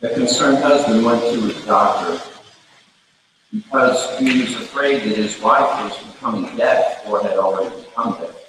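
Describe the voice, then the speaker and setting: A man's voice: medium pitch, moderate pace, a bit bright, slight background noise. A man preaching a sermon in a folksy, conversational storytelling way, in a church sanctuary. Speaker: pastor. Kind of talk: sermon with a joke. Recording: echoey church hall from far off.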